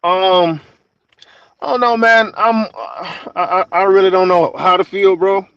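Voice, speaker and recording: A man's voice: high voice, steady tone, measured pace, dry recording. Laid-back slangy man on dull remote audio. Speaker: podcast co-host. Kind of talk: casual sports chat. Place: Houston.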